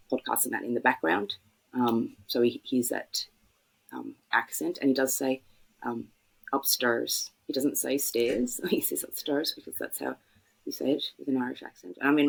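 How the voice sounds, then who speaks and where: This Australian woman is a guest on a podcast, talking in a soft, reflective way. Her voice is gravelly and breathy. She often pauses and circles back on her words. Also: very deep voice, poor audio. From Sydney, Australia. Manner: reflective, halting, many fillers. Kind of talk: casual conversational interview.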